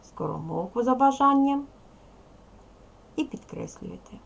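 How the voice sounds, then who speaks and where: In a video language lesson for young pupils, a woman teaching primary school exaggerates each sound and gives them instructions and questions. She speaks high-pitched, animated and unhurried, with a creaky quality. The audio is muffled, with a little hiss or hum.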